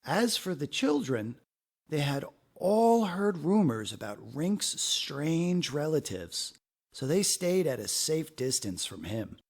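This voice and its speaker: With a slightly high voice, he tells the story of a children's picture book aloud, expressive and deliberate in his delivery.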